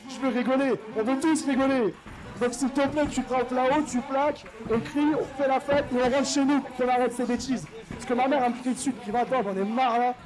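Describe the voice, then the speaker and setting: High-voiced announcer hyping a crowd. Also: male voice, steady tone, a little fast, poor audio. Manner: loud, teasing, keeps urging the crowd to cheer. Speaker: event announcer. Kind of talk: live contest commentary hyping a crowd. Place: indoor skatepark with a crowd. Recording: live event audio with music behind.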